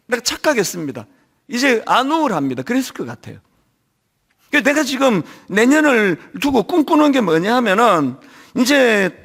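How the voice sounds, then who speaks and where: A middle-aged man preaching a sermon as senior pastor, telling stories in an animated way with a touch of a lingering cold. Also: very high-pitched. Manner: animated storytelling, acting out quoted voices. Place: church.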